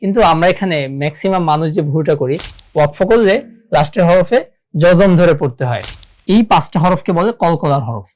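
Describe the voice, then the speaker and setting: A teacher giving an online lesson on Quran recitation in a Bangladeshi Bengali accent. They explain each rule step by step, ask and answer their own questions, and chant the verses slowly. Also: medium pitch, lively intonation, a little mellow.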